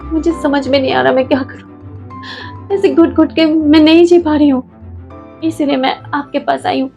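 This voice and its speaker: A woman playing a soft-spoken, submissive daughter-in-law who is mistreated at home. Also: sits high, fairly even intonation, normal speed, creaky, soft background music. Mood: distressed. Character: meek mistreated young wife and mother. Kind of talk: home-made family drama acting. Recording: dull lo-fi recording.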